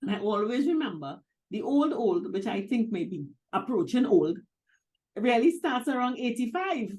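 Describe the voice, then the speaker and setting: A middle-aged woman co-hosting a talk show, emphatic and quick to laugh. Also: on the high side, big pitch swings, darkish tone. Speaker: co-host. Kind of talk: casual talk-show chat.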